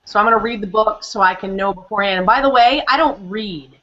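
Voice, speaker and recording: A woman's voice: medium pitch, fast, sharp tone, highs cut off. A woman co-hosting a talk show, dry and teasing in casual chat. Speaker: co-host.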